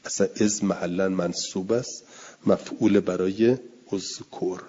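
A man's voice: sits low, steady tone, mellow, a little hiss or hum. An older man teaching a religious studies class, patiently explaining rules and repeating them with worked examples. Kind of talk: classroom lecture. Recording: dull lo-fi recording with hall reverb.

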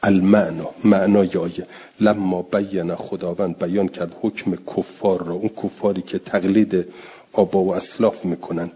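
A husky man gives a classroom lecture, reading a text and explaining it phrase by phrase. He stretches out words he repeats for his students. The recording sounds dull and lo-fi. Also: sits low, flat delivery, mellow. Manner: reads Arabic phrases then explains them, drawing out repeated words slowly. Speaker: teacher of Arabic grammar and Quran exegesis.

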